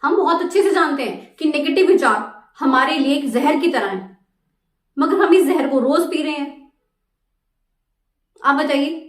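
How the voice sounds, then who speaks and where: Woman motivational speaker, high voice, roomy echo, sounds a bit away from the mic. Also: distant mic. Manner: asks the listeners questions. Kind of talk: motivational talk.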